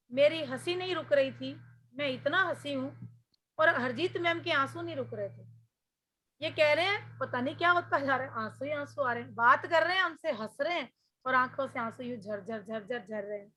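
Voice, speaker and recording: A woman teaching a spiritual healing class talks through memories and lessons in a relaxed, conversational way. Her voice sits high and sounds bright and clear. She tells stories earnestly, and her voice sometimes falls quiet. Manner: storytelling, earnest and conversational, often drops soft. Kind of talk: spoken healing class talk.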